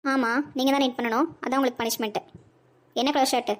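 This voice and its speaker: A woman's voice: high-pitched, steady tone, quick pace, lightly acted. A woman voicing a young wife and mother in a cartoon, bossy but sweet, chirpy and scolding.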